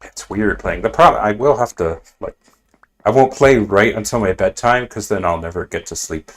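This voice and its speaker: Here a man with a fairly low, slightly bright voice talks at a moderate clip while streaming his gameplay. His commentary is loose and casual, full of self-deprecating remarks and mumbled asides at the computer.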